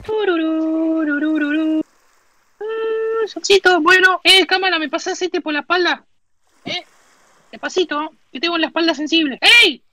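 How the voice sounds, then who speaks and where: A woman's voice: very high-pitched, normal speed, sharp tone, no room sound, faint music behind. A woman voicing a boastful, lonely male talking tomato can with an Argentine accent, in a comic house-tour sketch, cheeky and self-pitying. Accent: Argentine Spanish.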